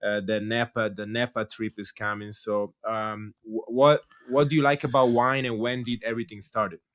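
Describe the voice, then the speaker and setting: A man with an Italian accent co-hosting a podcast, speaking haltingly and repeating words as he searches for phrasing. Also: fairly low pitch, level tone, fairly bright tone. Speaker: podcast co-host. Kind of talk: casual interview chat.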